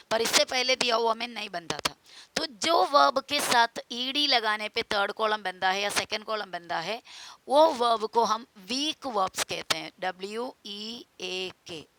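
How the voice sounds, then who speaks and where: Casting: woman teacher, slow and deliberate, higher voice, hissy recording. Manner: slow, spells out words and repeats verb forms. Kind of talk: grammar lesson.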